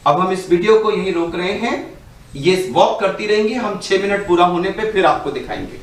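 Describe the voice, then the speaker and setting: Doctor guy coaching patients calmly, bit high voice, echoey room, mic kinda far off. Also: normal speed, a little hiss or hum. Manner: calm, instructive, coaching. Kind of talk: health demonstration talk. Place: indoor room.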